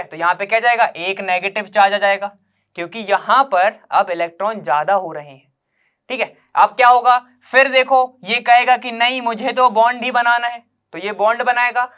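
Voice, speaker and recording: A man's voice: high-pitched, fairly bright tone, smooth. A man teaching chemistry to students, explaining step by step in an informal, coaxing way, asking the class questions and repeating the key points. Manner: informal and coaxing, asks the class questions and checks they follow.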